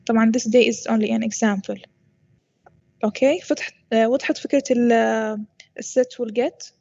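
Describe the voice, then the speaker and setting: Female teacher addressing a class, Arabic accent, slightly high pitch, muffled recording, frequent comprehension checks. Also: steady tone, fast, creaky, a little mellow. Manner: switches between English and Arabic, checks understanding often. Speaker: university programming lecturer.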